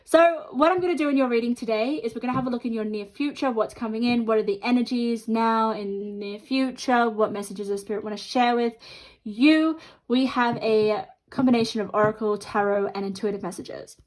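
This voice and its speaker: A woman's voice: on the high side, fairly quick, darkish tone, poor audio. A woman giving a chatty intuitive tarot reading to viewers while her mouth is half numb from the dentist. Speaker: tarot card reader and host.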